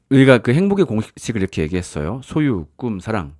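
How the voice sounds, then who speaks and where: A man's voice: lowish voice, sing-song, moderate pace, a little mellow, no room sound, studio quality. A man preaching a sermon in a conversational storytelling way, acting out the voices in the stories he tells. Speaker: pastor.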